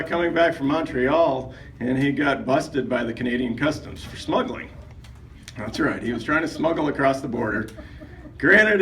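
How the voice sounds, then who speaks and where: A man tells roast stories at a party, setting each one up before landing the punchline. His voice sits a little high for a man. The microphone is some distance away, and a light background noise runs under his speech. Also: a bit bright. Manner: joking storyteller building up to punchlines. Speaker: speaker giving a roast at a retirement party. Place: retirement party.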